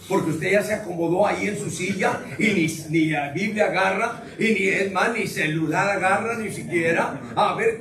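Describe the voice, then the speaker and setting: A man's voice: high-pitched, fairly bright tone. A man preaching a sermon to his congregation, joking and firing questions at the listeners. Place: church sanctuary. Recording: echoey room, distant mic, faint noise.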